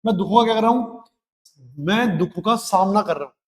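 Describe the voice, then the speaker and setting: A man's voice: high voice, brisk, in a large hall. A male Hindi teacher in a live class. He recites lines of a poem and then explains each one, asking rhetorical questions as he goes.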